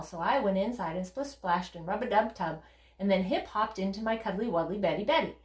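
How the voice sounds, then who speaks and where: A woman's voice: medium pitch, natural voice. Earnest little schoolgirl for a storybook, a woman reading her, breathless telling, roomy echo.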